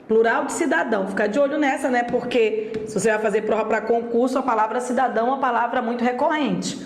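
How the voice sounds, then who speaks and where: A woman teaching a grammar lesson. She draws out each example word slowly and hurries through her asides about exams. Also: a little high, reverberant. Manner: slow, deliberate, drawing out each example word; speeds up for asides and exam tips.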